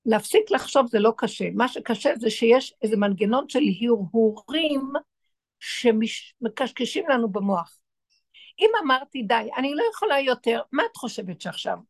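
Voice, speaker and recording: A high-pitched woman gives a religious talk to a group of women. She speaks emphatically and keeps asking rhetorical questions. The recording is dry and close, with no room sound. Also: breathy edge, no echo. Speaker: spiritual teacher.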